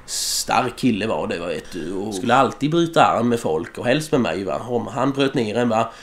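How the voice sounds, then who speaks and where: A man's voice: lowish voice, lively intonation. A man delivering a crude, rambling, absurd comic monologue, tagging his lines with a filler word.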